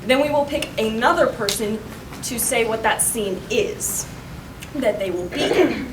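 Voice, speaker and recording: A woman's voice: on the high side, measured pace, heavy background noise. A woman on a cosplay panel explaining the next game in a bubbly, giggly way. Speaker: cosplay panelist running the games. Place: large convention hall. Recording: echoey hall, distant mic, loud crowd.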